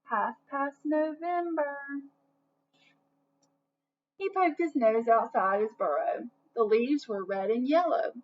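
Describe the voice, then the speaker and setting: The audio is dull and lo-fi with faint noise, carrying a woman's slightly high voice as she slowly reads a storybook to children, pausing often. Her delivery is expressive and aimed at young listeners, and she breaks off for asides and questions to them.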